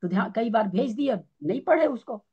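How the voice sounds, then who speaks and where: Chatty woman teacher, kinda husky voice, on the higher side, keeps restarting lines and giving kitchen examples. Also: animated, brisk, muffled recording. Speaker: scripture class teacher. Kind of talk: casual teaching talk.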